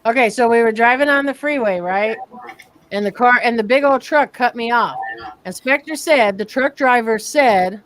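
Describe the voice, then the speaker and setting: A woman's voice: a little high, moderate pace, fairly bright tone, no echo. A woman guest on a casual live stream, telling a playful story.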